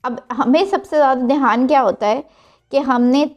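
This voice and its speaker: A woman's voice: sits high, normal speed, darkish tone, dull audio. A woman with a Pakistani accent teaching exam preparation, slipping between Urdu and English phrases with frequent fillers. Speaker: IELTS tutor. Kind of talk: teaching to camera.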